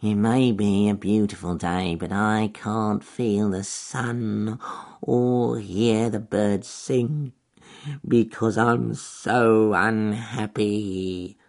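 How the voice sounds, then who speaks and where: Man doing a sly, slow-talking weasel who hisses his lies. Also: fairly low pitch, lively intonation, a little mellow, heavily acted. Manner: slow, sly, hissing through teeth. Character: sneaky lying male weasel.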